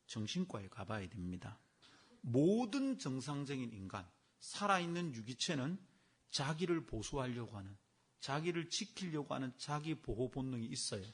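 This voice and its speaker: A male pastor gives a sermon. He acts out conversations and swings from soft to loud. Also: mid-range voice, slightly rough.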